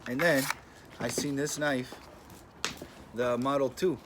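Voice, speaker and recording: A man in his thirties speaks English with a Greek accent, talking plainly and without hurry to his channel's viewers, with non-native turns of phrase. His voice sits at a middle pitch. The recording carries steady noise and clicking sounds. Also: slow. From Greece. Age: 30s. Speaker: channel host. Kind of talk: casual talk to camera.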